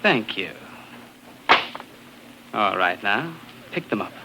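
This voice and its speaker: An actor playing an arrogant, bullying military lieutenant who sneers and barks orders in 1950s science fiction radio style. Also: male voice, fairly low pitch, sing-song, slow pace, heavily acted. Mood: menacing. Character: arrogant, bullying imperial garrison lieutenant, contemptuous of locals. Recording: noisy old 1950s radio recording.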